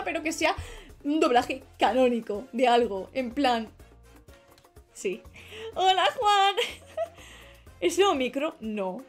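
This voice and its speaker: A young woman with a higher-than-usual voice chats her way through a drawing stream. She rambles and trails off mid-thought while she works, and soft music plays faintly behind her. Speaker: streamer and illustrator. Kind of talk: casual live-stream chat while drawing. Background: faint background music.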